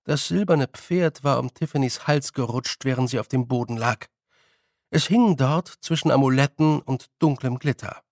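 A man reading an audiobook in calm, even narration. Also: mid-range voice, moderate pace, dry recording, studio quality. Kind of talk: scripted narration.

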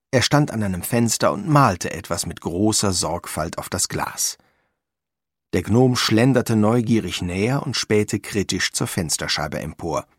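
Slow, husky male storyteller. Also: lowish voice, dry recording, studio quality. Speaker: narrator. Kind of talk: audiobook narration.

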